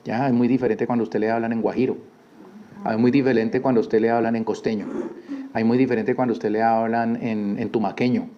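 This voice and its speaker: A man's voice: medium pitch, level tone, a little fast, lo-fi sound, slight background noise. A man from Colombia who teaches a weekly Torah portion in a conversational way, often repeating words and asking listeners rhetorical questions. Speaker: Bible study teacher.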